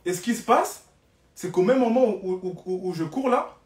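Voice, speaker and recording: A young man telling a story on a live stream in an animated, dramatic way, repeating phrases for emphasis. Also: sits high, moderate pace. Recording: roomy, distant from the mic.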